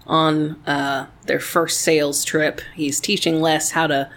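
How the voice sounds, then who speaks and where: A woman's voice: sits low, little pitch movement, takes it slowly, fairly bright tone. A woman with a Southern US accent co-hosting a podcast in casual, chatty talk, laughing often and swearing casually. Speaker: podcast co-host. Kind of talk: casual chat.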